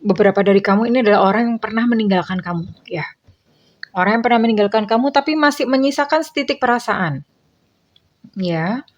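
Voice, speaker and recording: A woman's voice: a little high, fairly quick, dull audio. A woman tarot reader speaking casually to her viewers, chatty and meandering, with many fillers.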